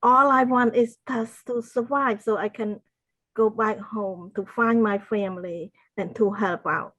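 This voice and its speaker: Slow, earnest older woman from Cambodia. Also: mid-range voice, steady tone, fairly bright tone, no room sound, poor audio. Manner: slow, earnest, faith-filled storytelling. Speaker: podcast guest, wellness consultant. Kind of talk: interview answers, personal testimony.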